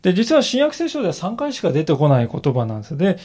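A male pastor giving a sermon in an earnest, reflective way, slowing down to stress key phrases. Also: high voice, huge pitch swings, darkish tone. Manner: earnest, reflective preaching with emphatic slowed phrases.

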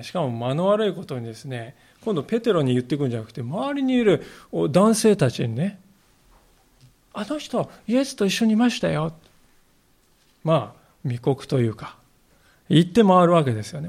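A man's voice: fairly high pitch, big pitch swings, a little fast, a little mellow. A male pastor giving a sermon in a conversational storytelling way, acting out the quoted lines.

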